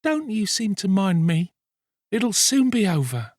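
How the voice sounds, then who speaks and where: A man's voice: sits high, very animated, measured pace, dry recording, voice pushed up. A man voicing a weary, ailing young woman in an audiobook, tender, plaintive and coaxing. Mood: faint, weary. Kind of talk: dramatised audiobook reading of a classic novel.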